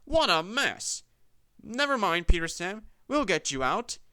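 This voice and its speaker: A man voicing a good-natured, blunt male engine in a storybook reading, exclaiming slowly and loudly. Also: high voice, big pitch swings, clean tone, dry recording, clean studio sound, voice pushed up, heavily acted. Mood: hearty.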